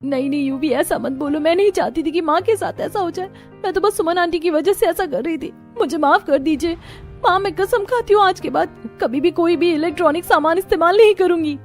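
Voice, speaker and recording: A woman's voice: extremely high pitch, fairly quick, faint music behind. A woman voicing several characters in a family drama, chatty and scolding. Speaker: voice actor for several women. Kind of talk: dubbed family drama dialogue.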